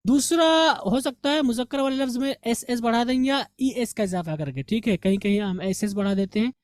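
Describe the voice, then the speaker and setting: A man teaching a grammar revision lesson in a warm, relaxed voice, posing quick questions to the class and answering them himself. The sound is dry and close, with no room echo. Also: very high-pitched, clear, resonant tone. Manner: patient, step-by-step explaining. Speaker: English teacher.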